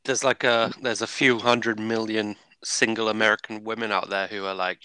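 Young guy, lowish voice, dry blunt commentary in group chat. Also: flat delivery, moderate pace, bright, forceful tone, smooth, no room sound. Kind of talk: casual chat.

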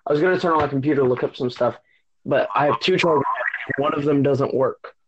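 Rambling podcast host on a dull mic. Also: male voice, mid-range voice, fast, background noise. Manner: rambling, full of "I mean" restarts, teasing. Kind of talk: casual podcast chat.

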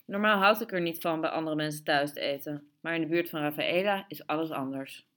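A woman's voice: low-pitched, fairly quick, a bit bright. A woman voicing a small, eager man who is pleased with himself. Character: Kriek, small eager older man who loves treating.

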